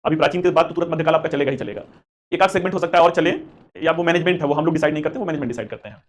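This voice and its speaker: A male history teacher coaching civil service exam aspirants holds a live online class, answering chat questions at a rapid clip in a fairly high voice. Encouraging and chatty, he calls his students beta and mixes English terms into his Hindi explanations.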